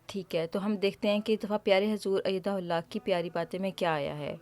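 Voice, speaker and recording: Speaking at an ordinary pitch in a steady tone, a woman host patiently and gently explains things to a child. She's teacherly and checks the child's understanding with questions.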